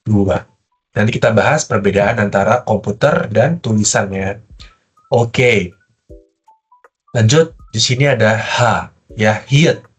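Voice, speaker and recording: A man with a fairly low, husky voice leads a pronunciation lesson. He talks casually and patiently, slowing down to model each sound for learners to repeat. Faint music plays underneath. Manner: patient, demonstrates sounds slowly, casual fillers. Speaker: Korean language teacher. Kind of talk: online language lesson.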